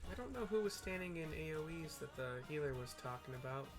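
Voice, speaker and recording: Here the gamer's voice is fairly high and lively in intonation, and he talks a little fast. He gives a loose, mildly profane running account of the game's scenes over its background music.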